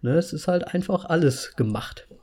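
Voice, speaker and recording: Ein Mann in den Dreißigern mit leicht erhöhter Stimmlage führt als Podcast-Host ein lockeres Gespräch. Er erzählt ausschweifend und plaudernd und lacht dabei oft. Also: male voice, fairly high pitch, lively intonation, moderate pace, a little mellow. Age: 30s. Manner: chatty and rambling, laughs often. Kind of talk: casual chat.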